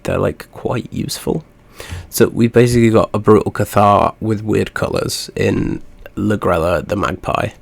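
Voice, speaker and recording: A man with a nasal, stuffed-up voice from a cold, hosting a relaxed gaming video with easygoing, rambling chatter. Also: fairly low pitch, normal speed, gravelly, no echo. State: congested, stuffy nose from a cold. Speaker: host. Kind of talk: casual gaming commentary.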